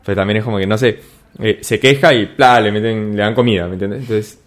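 A man's voice: on the low side, steady tone, quick pace. A man hosting a podcast, talking loosely and casually with slang and frequent check-ins to his listener. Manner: loose, slangy, keeps asking "¿me entiendes?". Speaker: podcast host. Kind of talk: casual conversation.

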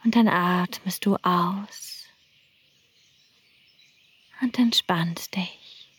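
Slow whispering woman meditation guide. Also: lowish voice, slightly rough, dry recording. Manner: soft whispering, slow and calm.

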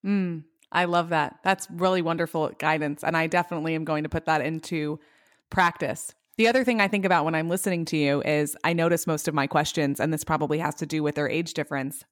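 A woman's voice: low voice, fairly even intonation, brisk, no echo, clean studio sound. A woman, a mother, asking a coach questions about her children and affirming the advice. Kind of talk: casual chat.

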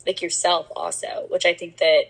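A woman's voice: fairly low pitch, flat delivery, moderate pace, creaky, slightly rough, rough recording. A young woman co-hosting a faith podcast, chatting casually, with lots of fillers and some self-mocking sarcasm. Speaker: podcast co-host. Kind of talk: casual chat.

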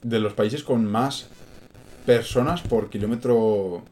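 A man's voice: medium pitch, takes it slowly, darkish tone, slight background noise. A young man, co-hosting a casual chat in a chatty, slangy way. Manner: chatty, peppers lines with "tío" and "en plan". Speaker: podcast co-host.

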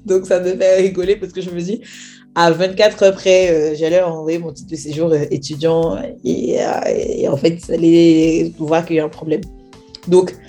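A woman's voice: fairly low pitch, moderate pace, soft background music. A young woman telling a personal testimony as a story, acting out the quoted dialogue as she goes. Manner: animated retelling with acted-out quoted dialogue. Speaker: speaker sharing a personal testimony.

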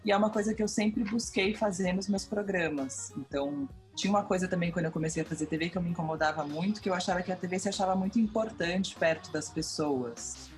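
Brazilian woman TV presenter, low-ish voice, animated storyteller, faint music bed. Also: fast. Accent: Brazilian Portuguese. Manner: animated storyteller, acts out quoted dialogue. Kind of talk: casual interview conversation.

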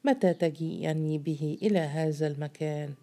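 A woman's voice: low-pitched, normal speed, dark tone. A woman reading a sly, self-assured male governor. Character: confident, sly middle-aged male governor. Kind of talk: audiobook story reading.

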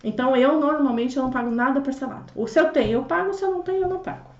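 A high-pitched woman telling a personal story with lots of energy, acting out conversations and dropping to near whispers. She sits a little away from the mic in a roomy space, and the audio sounds dull. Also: rapid-fire, distant mic. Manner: expressive storyteller, acts out dialogue, swings between loud and hushed. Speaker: interview guest. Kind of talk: animated personal testimony.

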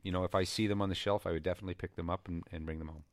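A man talks in a fairly low voice on a podcast. He sounds blunt and grumbling. His voice is close and dry with no room sound. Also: fairly even intonation, rapid-fire, no room sound. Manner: blunt, grumbling, exasperated in rants. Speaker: podcast co-host. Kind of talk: casual beer-tasting chat and comic rant.

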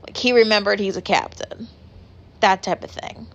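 A woman talks in a loose, rambling way, packing her sentences with filler words and the odd swear. Her voice has a gravelly, creaky edge that sits at a middling pitch for a woman. She sounds like a podcast host in a casual chat. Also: fairly even intonation, normal speed, fairly bright tone.

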